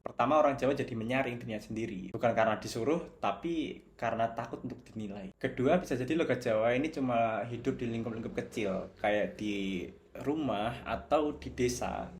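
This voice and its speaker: This video essayist, a young man from Java, speaks at a typical mid pitch and carries a distinct Javanese accent. His commentary is calm and thoughtful, switching freely between Javanese, Indonesian and snippets of English, over a faint background noise.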